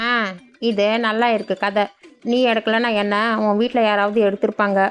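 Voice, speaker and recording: A woman's voice: mid-range voice, flat delivery, normal speed, smooth, faint music behind, lightly acted. A woman voicing a greedy, cheating village man in a cartoon, with a threatening, demanding manner. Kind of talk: cartoon voice acting. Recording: dull lo-fi sound.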